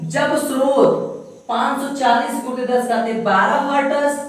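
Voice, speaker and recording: A man's voice: extremely high pitch, fairly even intonation, a little slow. A male teacher giving a science lesson, repeating key terms and asking himself questions before answering them. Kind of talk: classroom-style science lecture. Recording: very echoey room, mic far away.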